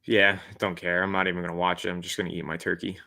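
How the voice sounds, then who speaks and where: Male co-host, low, bright forceful voice, blunt opinions, casual chat. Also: little pitch movement, fast talker, vocal fry. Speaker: podcast co-host. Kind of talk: casual sports podcast chat.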